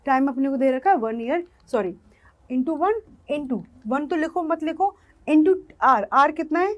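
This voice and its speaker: A woman teacher walks her students through a maths problem step by step, stopping often to check they are following. Her voice sits high and light. She sounds patient and easy. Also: lively intonation, unhurried. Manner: explains step by step, asks the class questions. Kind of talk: online maths lesson.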